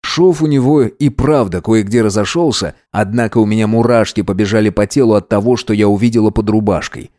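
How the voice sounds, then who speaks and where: A man narrating a fantasy audiobook in the first person, even and measured. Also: on the low side.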